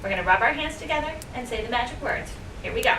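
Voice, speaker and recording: A woman's voice: fairly high pitch, expressive, fast, background noise. A woman hosting a children's story time, playful and bubbly like an entertainer for young listeners. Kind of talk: children's story time chat and read-aloud.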